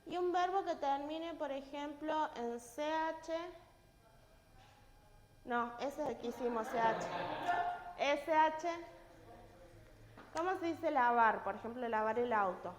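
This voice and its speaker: A woman teaches English grammar in a slow, unhurried way and checks often that her students follow. Her voice sits a bit high. She is recorded from a distance in an echoey classroom with a long reverb tail and faint room noise behind her. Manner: patient, checks with frequent questions. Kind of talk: classroom lesson.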